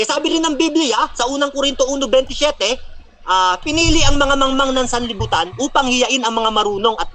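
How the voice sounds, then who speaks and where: A man's voice: very high voice, pushed and bright. A man giving a heated rant after a religious debate, mocking his opponent and quoting scripture between jabs. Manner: taunting, mocking, quotes Bible verses, laughs at opponent. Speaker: preacher speaking after a debate.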